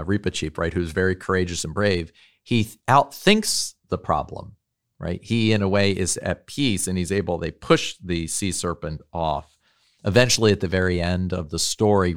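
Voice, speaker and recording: A man's voice: sits low, dry recording, studio quality. A man who teaches at a university, giving a thoughtful lecture on literature and faith and often checking in with tag questions.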